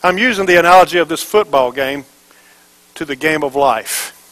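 A man's voice: a little high, moderate pace, fairly bright tone, poor audio. A man preaching a sermon to a church congregation, asking for amens, repeating phrases for emphasis and firing off rhetorical questions. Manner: call-and-response, asks the congregation for amens. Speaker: pastor.

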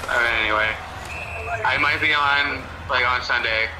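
A man's voice: medium pitch, steady tone, moderate pace. A young man chatting casually on a drunken phone call, cocky and swearing freely. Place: outdoors on a city street. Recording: noisy phone call with background ambience.

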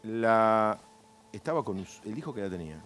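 A man hosting a TV morning talk show in a brisk, conversational way. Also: fairly low pitch, animated, a bit bright, faint music behind.

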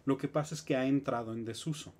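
A man with a Mexican Spanish accent, teaching English grammar in a live stream with lively explanations and joking asides. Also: medium pitch, quick pace.

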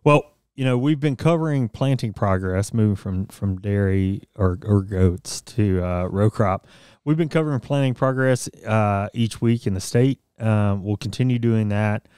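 Relaxed man with a mellow studio voice. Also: lowish voice, measured pace, smooth, dry recording. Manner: conversational, reads statistics with frequent fillers. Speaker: podcast co-host. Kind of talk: casual radio-style news chat. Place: small studio office with bookshelves. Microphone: studio mic on boom arm, headphones.

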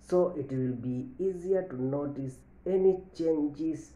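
Man in his thirties, very slow, very dark mellow voice, health lesson, repeats points, echoey office. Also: on the high side. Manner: repeats each point slowly, stressing key lines. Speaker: medical educator. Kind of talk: health education talk to camera. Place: office with large window, indoors. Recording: echoey room.

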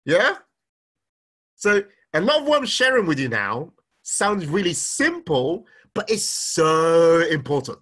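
A high, bright male voice with a husky edge. He speaks with the energy of a live teacher, repeats his questions and reads comments aloud to his viewers. His pitch swings widely as he pushes them to think. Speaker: finance speaker. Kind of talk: live-streamed teaching talk.

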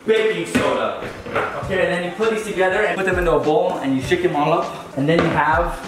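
A man chatting casually while baking, giving quick, bossy instructions. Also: a little high. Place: home kitchen. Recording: echoey room with music. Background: background music.

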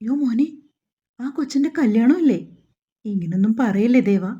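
A woman's voice: on the high side, animated, normal speed, dark tone, breathy edge, muffled recording. A woman reading the part of a worried, motherly older woman who pleads. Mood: pleading.

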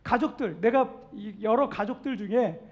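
Very high-voiced Korean pastor preaching. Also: male voice, normal speed, lo-fi sound. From South Korea. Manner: emphatic, swells louder on questions and pleas, then drops soft; acts out what doubters say. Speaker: senior pastor. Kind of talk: Sunday sermon.

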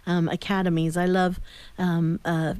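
A woman's voice: on the low side, level tone, unhurried, a little mellow, smooth, no echo. A middle-aged American woman hosting a conversational radio talk show, explaining things earnestly into a studio microphone. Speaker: talk radio host and educator. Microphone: studio boom microphone with headphones.

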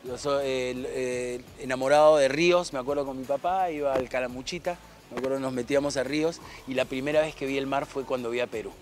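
A man's voice: mid-range voice, fairly even intonation, brisk, hardly any pauses, over music. A man from Argentina in his fifties, a guest talking reflectively and rambling a little, recorded outdoors on a tennis court with a handheld mic. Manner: reflective, warm-hearted, rambling with restarts. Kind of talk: relaxed outdoor interview chat. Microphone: handheld microphone.

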